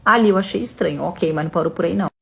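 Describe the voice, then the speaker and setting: Uma mulher brasileira de meia-idade conta uma história pessoal para a câmera, falando depressa e chamando os seguidores de "gente". A voz é um pouco grave, e ela conversa de forma descontraída e próxima. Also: female voice, on the low side, very fast, vocal fry. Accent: Brazilian Portuguese. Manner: chatty, addresses viewers directly. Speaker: storyteller vlogger. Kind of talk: casual storytelling to camera.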